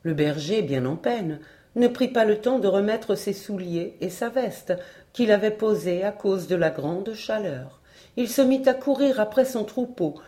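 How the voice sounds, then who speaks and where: A woman reading a folk tale aloud as an audiobook narrator, measured and expressive. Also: mid-range voice. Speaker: audiobook reader.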